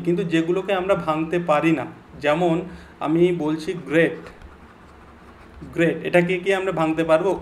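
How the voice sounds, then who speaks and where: In a slightly high voice, with a little hiss or hum audible, a young Bengali-accented teacher explains English grammar for exam preparation online. He reads the English example sentences with slow, careful deliberation.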